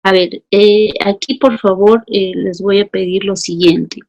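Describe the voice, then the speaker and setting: A woman's voice: mid-range voice, fairly even intonation, measured pace, vocal fry, a little mellow, dull audio. A woman teacher leading a class, calling on students by name and reading out their answers. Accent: Peruvian Spanish. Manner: calls students by name, asks for justifications.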